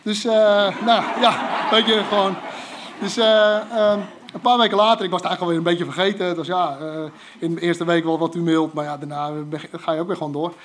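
Man, high voice, chatty storyteller who stumbles and restarts. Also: a little hiss or hum. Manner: animated, halting, many fillers and restarts. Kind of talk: casual spoken anecdote.

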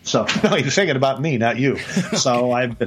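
At normal speed, a man with a mid-range voice talks over background noise. The podcast host and business speaker shares business advice in an emphatic, animated, conversational manner, with frequent uses of "I mean."

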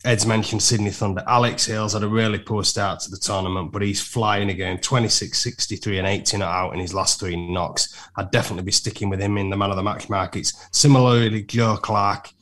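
A man's voice: on the low side, fairly even intonation, brisk, hardly any pauses, fairly bright tone. A man giving casual sports analysis as a betting pundit on a panel.

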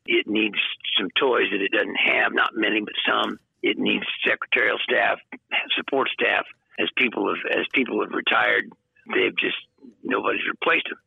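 An older man being interviewed by phone, with a gravelly, husky voice and a plain-spoken, folksy, halting delivery. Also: mid-range voice, no echo. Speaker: interview guest, county prosecutor. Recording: tinny narrow phone line.

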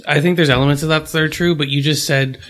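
A man's voice: a little high, steady tone, fast talker, fairly bright tone. A man co-hosting a casual football chat, making dry, wisecracking remarks. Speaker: co-host.

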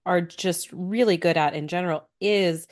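A woman's voice: fairly low pitch, moderate pace, a little mellow. A woman co-hosting a podcast and speaking in the earnest, encouraging tone of a business coach. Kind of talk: casual podcast chat.

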